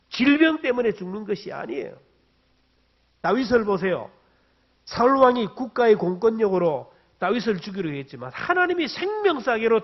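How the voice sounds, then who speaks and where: A middle-aged male pastor preaching a sermon in a conversational way, asking the congregation questions and pressing his points with sudden emphatic bursts. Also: high-pitched. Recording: dull lo-fi church recording.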